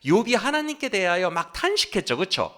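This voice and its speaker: A man's voice: high voice, sing-song, brisk, fairly bright tone. A man preaching an expository sermon in a church, who acts out scripture quotes dramatically and keeps checking in with his congregation. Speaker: pastor. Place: church sanctuary.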